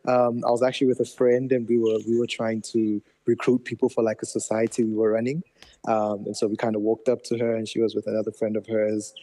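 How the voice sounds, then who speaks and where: Young man from Nigeria, radio guest, cheerful storyteller, warm mellow tone. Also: fairly low pitch, level tone, fairly quick. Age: young adult. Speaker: interview guest. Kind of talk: radio interview.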